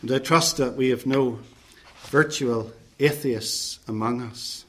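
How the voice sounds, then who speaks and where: A man with a medium-pitched, fairly bright voice delivers a sermon in a measured, deliberate manner. He lays out his points one at a time and lists phrases carefully.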